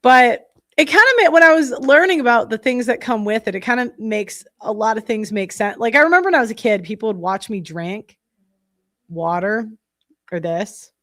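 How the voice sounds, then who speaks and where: A young podcast host's voice sits on the high side, nasal and a bit bright, at a moderate pace. She chats bluntly and casually with viewers, rambling with many fillers while breathing heavily.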